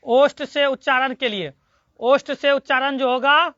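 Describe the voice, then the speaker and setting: A teacher giving a classroom grammar lesson, drilling students with repeated questions and slowly sounding out syllables. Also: high-pitched, fairly even intonation, sharp tone, dry recording. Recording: dull lo-fi recording.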